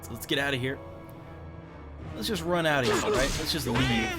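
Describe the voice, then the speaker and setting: A man's voice: mid-range voice, normal speed. A man hosting a let's play, thinking aloud playfully as he plays. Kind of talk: gameplay commentary. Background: game music.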